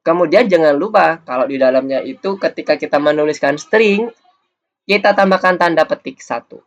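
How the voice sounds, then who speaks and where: A man's voice: fairly high pitch, moderate pace. A man teaching a coding lesson over a screencast, explaining patiently step by step. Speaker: programming teacher. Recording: dull lo-fi audio.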